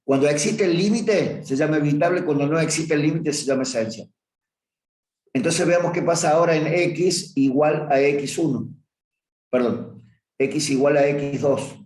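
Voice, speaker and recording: A man's voice: on the high side, moderate pace, a little mellow. A man teaching a review class on limits, talking through a graph and stopping often to correct himself. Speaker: math teacher. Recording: roomy echo.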